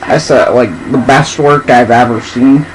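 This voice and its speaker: A drunk man rambling casually and haltingly as he presents and reads out a poem, drawing words out and losing his thread. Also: medium pitch, steady tone, a little hiss or hum, poor audio.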